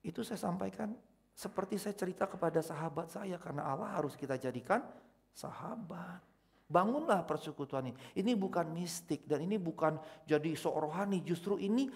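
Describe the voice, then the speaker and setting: A middle-aged man preaching a conversational sermon in a church, swinging from loud exclamations to quiet, intimate asides. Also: high-pitched, normal speed, vocal fry. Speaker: pastor.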